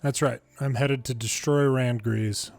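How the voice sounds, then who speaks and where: A man reads video game story dialogue in an unhurried way, his medium-pitched voice gravelly, a little mellow, and fairly even in intonation. In the manner of an amateur longplay narrator, he makes casual asides over the game's music.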